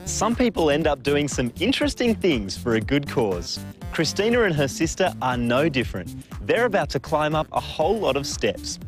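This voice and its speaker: A male TV presenter with a bright, upbeat delivery and a fairly high voice. His pitch moves a lot, and music plays clearly behind him. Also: sing-song, normal speed. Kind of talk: presenter links and street vox pops.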